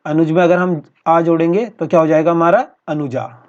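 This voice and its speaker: A male teacher going through practice exam questions in a steady, explanatory way, often repeating each answer. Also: on the high side, brisk. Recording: dull lo-fi recording.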